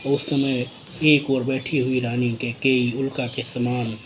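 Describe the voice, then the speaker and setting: Male teacher, unhurried delivery, recites a line then explains it; noisy recording. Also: mid-range voice, flat delivery, dull audio. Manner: recites verse lines then paraphrases them slowly. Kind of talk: line-by-line poetry explanation lesson.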